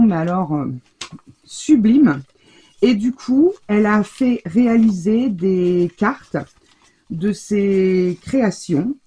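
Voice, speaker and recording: A woman's voice: medium pitch, mellow, slightly rough. A woman hosting a craft channel, chatting as she opens her mail at home and gushing over each card between lots of little fillers. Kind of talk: casual chat opening mail. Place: home craft room, shutter half closed. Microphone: overhead table camera.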